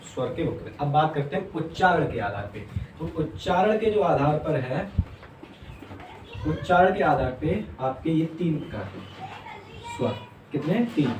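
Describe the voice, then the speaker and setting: A man with a fairly high voice teaches a class, asking his students questions and then answering them himself. He keeps checking in after each point. He is heard from a distance in an echoey room, with a faint hum underneath. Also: very animated, moderate pace, long pauses, a little mellow. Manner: uses "theek hai" constantly as a check-in. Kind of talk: classroom lesson on Hindi vowels.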